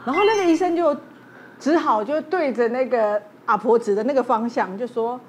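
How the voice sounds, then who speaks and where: A woman's voice: a little high, moderate pace. A woman, a doctor guest on a TV talk show, telling a ghost story and quoting an old patient. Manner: quotes an old patient in her dialect-flavoured speech. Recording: studio with steady background noise.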